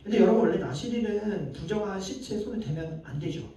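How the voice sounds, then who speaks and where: A male pastor preaches to a young adults group in a conversational way, quizzing the audience and acting out the lines he quotes. He talks fast in a high, mellow voice with lively intonation. The recording is from a distance in an echoey room, with slight background noise.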